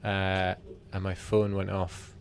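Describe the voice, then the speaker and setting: Low-voiced easygoing pilot, a man. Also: monotone, slight background noise. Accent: British. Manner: easygoing, chatty, quick laughs. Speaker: airline pilot guest. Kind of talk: casual chat.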